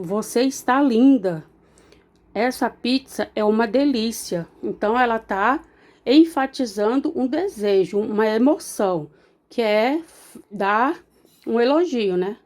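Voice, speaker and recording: A woman's voice: fairly high pitch, mellow. A Brazilian woman teacher with a Brazilian Portuguese accent explains grammar in a recorded remote lesson. She often checks in with her students and restarts words mid-sentence.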